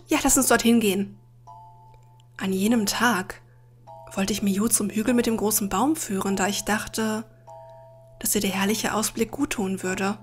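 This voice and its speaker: A woman playing a video game and reading all of its dialogue aloud in her own voice, with dramatic, expressive delivery. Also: mid-range voice. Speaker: Let's Play gamer.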